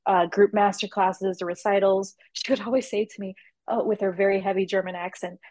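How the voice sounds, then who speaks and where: A young adult woman, a cellist, talking in a casual interview with a rambling, animated manner, frequent fillers and laughter. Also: mid-range voice, fairly quick, no room sound.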